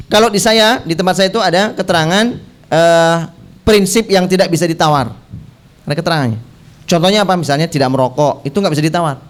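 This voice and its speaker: A male Islamic preacher giving a humorous, conversational religious lecture, explaining step by step with playful asides. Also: high-pitched. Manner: acts out dialogues with playful asides.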